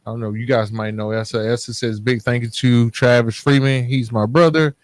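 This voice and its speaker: A man hosts a podcast in an earnest, informal conversational style, scattering casual asides and saying "man" and "you know" a lot. His mid-range voice is steady in tone and a little fast, with no room sound.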